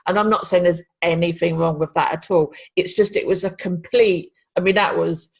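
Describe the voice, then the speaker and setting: Woman co-host, husky and low-pitched, rambling casual chat. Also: steady tone, moderate pace. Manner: rambling, restarts often. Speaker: podcast co-host, copywriter.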